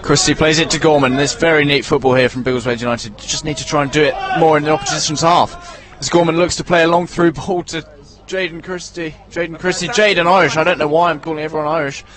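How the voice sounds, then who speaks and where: A man's voice: fairly high pitch, steady tone, fast talker, few pauses. A man commentating live on a football match from an outdoor ground. He talks in a chatty, running way and often corrects himself when he gets player names wrong.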